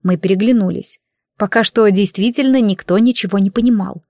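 A woman narrating a novel in the first person, in a lively storytelling manner. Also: mid-range voice, fairly quick, dry recording, studio quality. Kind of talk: audiobook narration.

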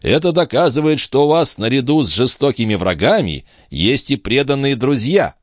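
A man's voice: medium pitch, sing-song, moderate pace, no echo, clean studio sound, pitched above the performer's own voice, close to an everyday voice. A man voicing a hot-tempered, blustering nobleman in an audiobook. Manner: brash, emphatic. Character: blustering French viscount, hot-tempered, boastful.

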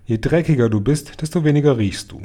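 A man's voice: medium pitch, a little fast, dark tone, voice pushed up, natural voice. A man voicing a stern, knowing old grandmother who gives grave, matter-of-fact warnings in a storybook. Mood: explaining.

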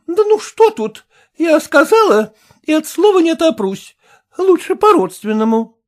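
A woman putting on a shrill, grasping widow-aged haggler. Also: very animated, a little slow, full character voice. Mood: haggling, insistent.

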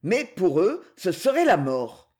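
A man's voice: sits high, sing-song, slow, a little mellow, heavily acted. A man reading a stern commanding chieftain. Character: commanding male leader of a camp, stern and resolute.

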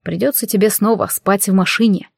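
Woman voicing a gruff, commanding male detective. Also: medium pitch, steady tone, a little fast, a little mellow, no echo, clean studio sound. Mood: curt. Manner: curt, bossy orders.

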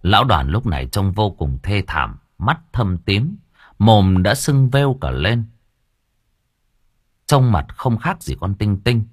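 A man reads a story audiobook in a lively, expressive way. His voice sits low and sounds husky. The recording is dry and close. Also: takes it slowly, no room sound. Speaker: narrator.

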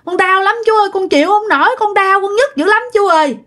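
Young girl in pain, crying and begging, pitched high, played by a woman narrator. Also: fast talker, fairly bright tone. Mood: pleading, sobbing. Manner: crying, pleading.

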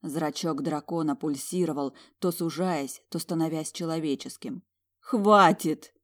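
A woman narrating a first-person fantasy story in steady storytelling voice. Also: deep voice, moderate pace. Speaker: audiobook narrator.

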